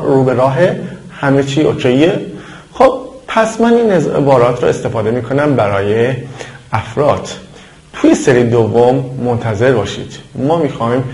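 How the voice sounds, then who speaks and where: A man whose first language is Persian teaches English phrases in a video lesson, speaking English with a Persian accent and repeating each phrase slowly and clearly. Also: mid-range voice, darkish tone, echoey room, low-quality recording.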